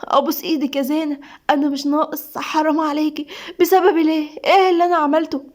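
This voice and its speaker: Woman doing an Egyptian young husband, tearful and pleading, quick and high. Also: level tone, a little mellow, lightly acted. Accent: Egyptian Arabic.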